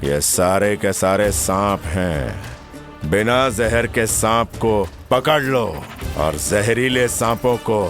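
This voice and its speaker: A cold, ruthless landlord who speaks with slow, menacing weight. Film music runs clearly beneath. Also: male voice, fairly low pitch, fairly bright tone. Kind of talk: Hindi film dub.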